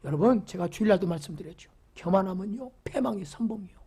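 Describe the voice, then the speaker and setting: A pastor giving a fervent church sermon, repeating phrases, asking the congregation questions, and dropping from loud exclamations to whispers. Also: medium pitch, expressive, fast talker, husky.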